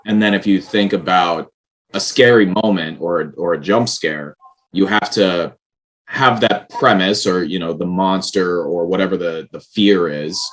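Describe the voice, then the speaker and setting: A man with a very low voice talks as a guest in a casual interview. He explains his writing earnestly and at length, often restarting his sentences. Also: a little slow, poor audio. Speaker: writer and director, guest.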